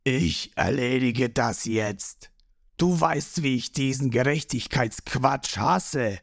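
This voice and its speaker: A man voicing a boastful, hot-tempered male pirate boss who shouts and mocks, in a read-aloud manga story. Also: medium pitch, takes it slowly, vocal fry, dry recording, studio quality. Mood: blustering. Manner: blustering, shouting, mocking.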